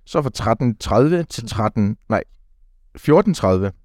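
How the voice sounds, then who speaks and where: A man's voice: fairly low pitch, animated, darkish tone, dry recording. Young man, plain mid voice, dry sound. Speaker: podcast co-host. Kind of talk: casual chat.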